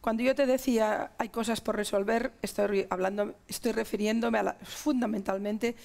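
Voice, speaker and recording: Middle-aged Spanish-accented woman, TV interview guest, raised pitch, fry in the voice, emphatic and listing. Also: fairly even intonation, normal speed, a little mellow. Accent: Spanish (Spain). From Spain. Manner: emphatic, listing ideas in long chains.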